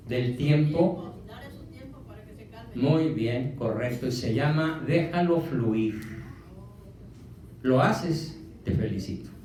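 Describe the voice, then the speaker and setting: A man's voice: fairly high pitch, a little mellow, slight background noise. Emphatic Mexican man lecturing in echoey room. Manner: emphatic, fires rhetorical questions. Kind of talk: motivational lecture to an audience. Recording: echoey room from a distant mic.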